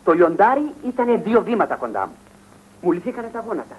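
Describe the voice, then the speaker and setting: An actor playing a boastful big-game hunter who blusters and tells tall tales. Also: male voice, high voice, very animated, lo-fi sound, a little hiss or hum. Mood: blustering.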